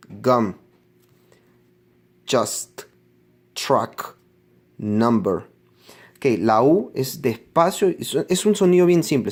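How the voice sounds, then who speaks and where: Male language teacher, unhurried and patient, drills each word over and over as he explains. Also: mid-range voice. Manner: slow, patient explaining with repeated example words. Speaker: English teacher. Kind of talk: classroom lesson on English pronunciation.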